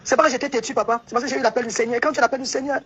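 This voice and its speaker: A woman doing a soft begging sister's voice. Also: on the high side, fairly even intonation, rapid-fire, highs cut off, slight background noise, natural voice. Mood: pleading.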